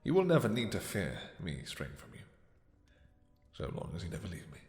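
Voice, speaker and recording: A man playing a possessive, lovesick vampire king in a romantic fantasy roleplay, speaking in formal, halting, commanding endearments that often sink to a breathy near-whisper. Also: deep voice, huge pitch swings, darkish tone, echoey room, big-room sound. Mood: possessive, tender.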